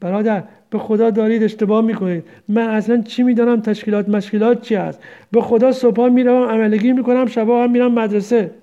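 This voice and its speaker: A man's voice: high voice, steady tone, mellow, highs cut off. Man voicing a pleading young prisoner. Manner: pleading, swearing innocence.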